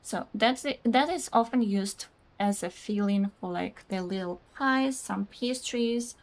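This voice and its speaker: This young woman speaks unhurriedly in a mid-range voice, and Russian is her native language. While streaming a game she rambles casually, says "like" often, reads her chat's messages aloud and laughs frequently.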